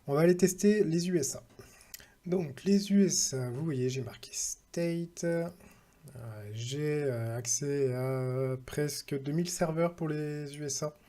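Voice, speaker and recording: A man's voice: on the high side, unhurried, warm tone. A man talking casually through a screen-recorded tech tutorial, thinking aloud and reading out numbers with hesitant fillers.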